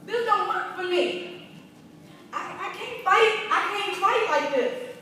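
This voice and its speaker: A woman's voice: extremely high pitch, animated, slow, sharp tone, voice pushed up, heavily acted. A woman preaching as a bragging shepherd boy. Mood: hesitant. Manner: defiant, bragging, rhetorical questions. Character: boastful young teenage shepherd boy. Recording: echoey church from a distance.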